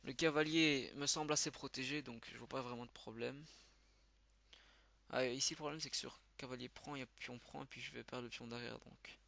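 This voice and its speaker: A man giving live commentary as he plays, thinking aloud with quick muttered exclamations. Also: mid-range voice, fairly even intonation, gravelly, bright, forceful tone. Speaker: channel host. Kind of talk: live commentary while playing.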